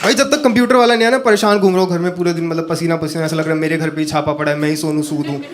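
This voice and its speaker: A man's voice: on the high side, very fast, heavy background noise. A man from northern India doing a stand-up comedy set, telling stories and talking to the audience. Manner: animated storytelling, talks to the audience. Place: comedy stage with a live audience.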